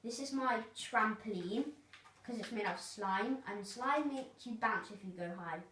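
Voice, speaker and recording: A woman with a mid-range, slightly bright voice speaks at a measured pace, casually showing off her video game world. She rambles and hesitates, packing in lots of fillers. The recording sounds roomy, with a distant mic and faint noise.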